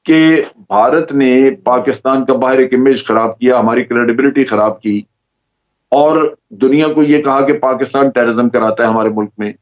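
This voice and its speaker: A man with a Pakistani Urdu accent, a judge giving measured, explanatory answers as a guest on a TV current-affairs program. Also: mid-range voice. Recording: slightly dull lo-fi audio.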